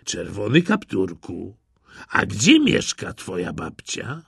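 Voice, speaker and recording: A man's voice: low voice, huge pitch swings, slow pace, vocal fry, slightly rough, dry recording, studio quality, voice pushed down, full character voice. A man voicing a sly, hungry male wolf who talks in a coaxing, cunning way.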